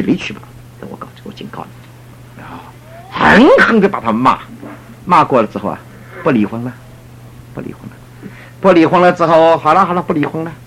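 A middle-aged man, a church elder, telling a story in a sermon in an animated way and acting out the people he quotes. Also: medium pitch, breathy edge. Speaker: church elder giving a talk.

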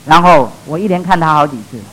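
Middle-aged guy preaching, high voice, tells stories, goes loud then drops real quiet. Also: fast, slight background noise, poor audio. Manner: storytelling, swings between loud emphasis and hushed asides. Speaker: pastor. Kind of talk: sermon.

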